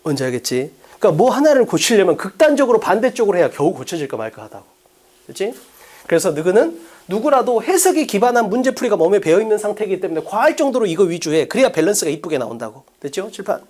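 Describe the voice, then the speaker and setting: Animated male English lecturer. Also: high-pitched, quick pace. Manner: animated, rhetorical questions to students. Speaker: English teacher. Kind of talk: lecture to students.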